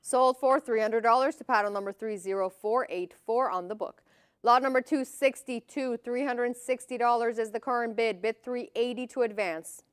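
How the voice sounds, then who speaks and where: A woman's voice: a little high, normal speed, clear, resonant tone, no echo, clean studio sound. A woman working as an auctioneer, calling lots and bids in a formal, clipped, repetitive manner.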